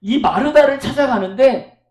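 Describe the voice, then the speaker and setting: High, lively male pastor preaching. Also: normal speed, roomy sound. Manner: emphatic storytelling with rhetorical questions to the congregation. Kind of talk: sermon. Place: church service.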